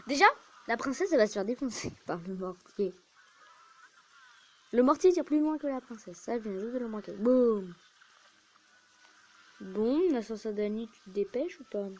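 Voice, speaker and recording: A woman's voice: fairly high pitch, expressive, a little fast. A woman giving casual, rambling gameplay commentary as a YouTuber, chatty and self-mocking. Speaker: gaming YouTuber.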